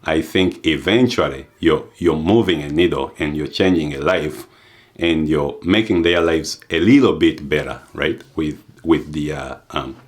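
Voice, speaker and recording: A young adult man from Uganda giving a reflective personal testimony, unhurried, with frequent fillers and restarts. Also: a bass voice. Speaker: adoptee sharing experience.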